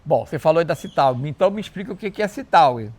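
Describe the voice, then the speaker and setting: A man hosts a casual interview with a voice pitched a little higher than most men's. He is friendly and chatty, and he stumbles and restarts his questions as he goes. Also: lively intonation, fast, darkish tone, slight background noise. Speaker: interviewer, show host.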